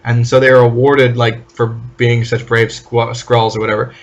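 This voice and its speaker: A man's voice: medium pitch, dull audio. A man co-hosting a podcast, talking casually and animatedly about old comic books and briefly acting out characters' lines. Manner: animated, acts out characters' lines in quick asides. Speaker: podcast co-host. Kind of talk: casual comic book discussion.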